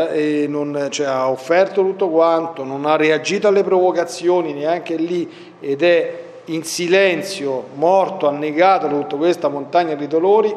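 A man's voice: a little high, a little mellow. A man teaching a Bible catechesis class, reading passages aloud and explaining them with asides. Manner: reads scripture then explains with asides. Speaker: priest giving Bible catechesis. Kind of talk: Bible study lesson. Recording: long hall reverb.

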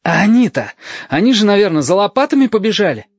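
A high, anxious young boy, put on by a man reading aloud, asking one worried question after another. The voice sits well above the reader's own. It is dry and a little dull, like an old recording. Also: animated, moderate pace, darkish tone, breathy edge, no echo. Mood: eager, anxious.

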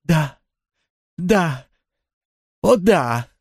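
A man's voice: medium pitch, lively intonation, measured pace, a little mellow, no room sound, clean studio sound, voice pushed up. A man voicing an overwhelmed young woman who speaks breathlessly and tremulously through tears. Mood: tearful.

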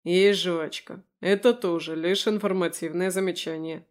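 A woman reading as a calm, curt werewolf man. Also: on the low side, normal speed, close to an everyday voice. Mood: dry. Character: calm dry-witted male werewolf in human form. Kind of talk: audiobook character voice.

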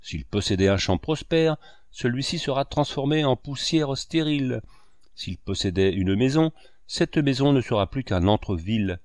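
A man reading an audiobook, voicing a boisterous, sarcastic old man who declaims and breaks into booming laughter. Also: lively intonation, measured pace, a little mellow, no room sound, studio quality, close to an everyday voice. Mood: mocking. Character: boisterous sarcastic old male painter, mocking.

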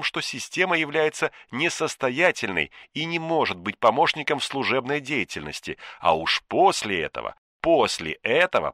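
A man voicing a cold, menacing male official on the phone, speaking quietly and slowly with contempt. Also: mid-range voice, dry recording, studio quality, voice pushed up. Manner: quiet, contemptuous, slow and deliberate. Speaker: shadowy superior giving orders.

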